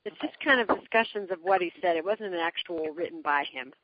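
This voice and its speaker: A woman's voice: on the low side, quick pace, no echo. A woman participant asking curious follow-up questions in a casual discussion. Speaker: workshop participant. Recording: dull dry lo-fi sound.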